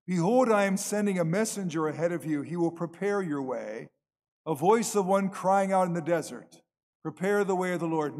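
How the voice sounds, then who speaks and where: Older male priest, solemn public delivery, fairly high pitch, long cathedral echo. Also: darkish tone. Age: older, 60s or 70s. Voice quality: echoing cathedral sound. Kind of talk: Gospel reading and homily. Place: large stone church, indoors. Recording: long echoing church reverb.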